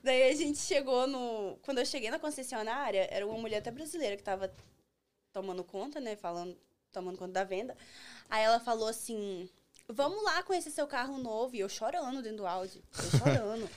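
A young woman with a Brazilian Portuguese accent tells a story in a high, bright-toned voice. She talks fast and with energy, slipping into the voices of the people in her story. The conversation is a relaxed podcast chat. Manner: animated storyteller, acts out other people's lines. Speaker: podcast guest. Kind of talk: casual chat, telling an anecdote.

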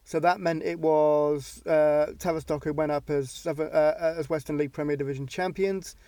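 A man's voice: a little high, fairly even intonation, normal speed, mellow, no room sound. A man co-hosting a football podcast in casual chat, talking with frequent restarts and laughs. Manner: chatty, stumbling restarts, laughs often. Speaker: podcast co-host. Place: car park.

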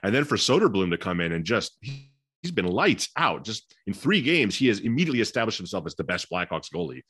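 A man co-hosting a casual hockey podcast, telling stories quickly and animatedly and slipping into quoted voices. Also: lowish voice, very animated, fairly bright tone, breathy edge, no room sound, clean studio sound. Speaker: hockey beat reporter and podcast co-host. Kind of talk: casual sports chat.

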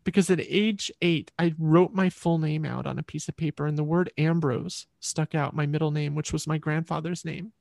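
A woman guest telling an animated personal story in an interview over a video call, acting out the voices of people in it. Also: deep voice, normal speed, gravelly, few pauses, no room sound. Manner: expressive, acts out quoted voices.

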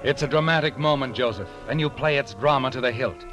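A male actor with a mid-range, natural-sounding voice narrates an old-time radio courtroom drama in the second person, deliberate and suspenseful. Music plays behind him, and the sound is lo-fi.

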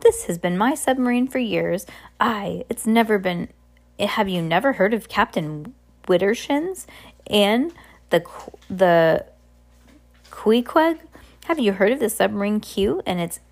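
A woman's voice: mid-range voice, expressive, gravelly. A woman voicing a hyper, blustering male submarine captain in a children's storybook, rambling, exclaiming and contradicting themselves. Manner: rambling, self-contradicting, exclamatory rapid-fire talk. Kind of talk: children's storybook read aloud.

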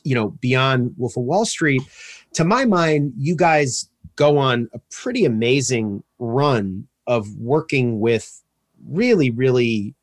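A man's voice: medium pitch, animated, takes it slowly, no echo. Enthusiastic stammering male interviewer. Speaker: podcast host interviewer. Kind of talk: casual interview chat.

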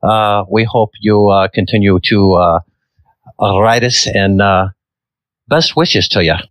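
A man's voice: fairly low pitch, slow, fairly bright tone, no echo, voice pushed down. A man voicing a jolly Irish-accented sailor who calls everyone lads, on a podcast. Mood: hearty. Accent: put-on Irish. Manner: hearty, calls listeners lads. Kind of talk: podcast sign-off, comic voice.

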